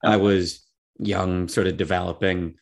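A man's voice: low-pitched, flat delivery, unhurried, gravelly. A young man hosting a podcast interview, chatty and self-deprecating with hesitant starts. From Northern Ireland. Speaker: podcast host. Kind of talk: casual interview questions.

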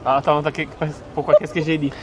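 A man's voice: on the high side, level tone, fast talker. A man chatting casually with a friend, asking hesitant questions. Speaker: friend of the vlogger. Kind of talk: casual street chat. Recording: off-mic, loud street noise. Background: loud traffic.

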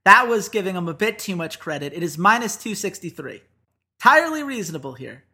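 A man's voice: high-pitched, sing-song, a little fast, pushed and bright, breathy edge. A man co-hosting a podcast in casual chat, upbeat and steering the segment from one betting line to the next. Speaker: podcast co-host.

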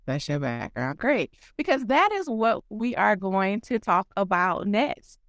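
Smooth-voiced woman hosting a podcast. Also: medium pitch, very animated, a bit bright, no room sound, clean studio sound. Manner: measured, polite questioning. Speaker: podcast host. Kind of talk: interview questions.

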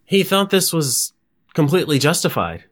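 A man co-hosting a political podcast, talking in an animated, incredulous way. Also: on the high side, normal speed. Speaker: podcast co-host.

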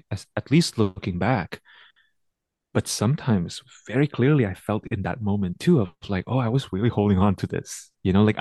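A man as a podcast guest, speaking in a reflective, measured, thoughtful way. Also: fairly low pitch, mellow, no echo. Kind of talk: casual conversation.

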